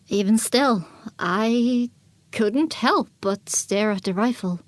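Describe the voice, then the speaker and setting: In a dramatic audiobook, a woman voices a young filly pony narrating her own journey in the first person. Her fairly high voice has a reflective, scripted delivery, recorded very dry with no room sound.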